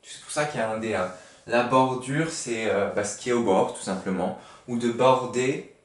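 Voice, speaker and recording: A man's voice: medium pitch, normal speed. A man teaching a spelling lesson to schoolchildren, patient and explaining word origins with many fillers. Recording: roomy, from far off the mic.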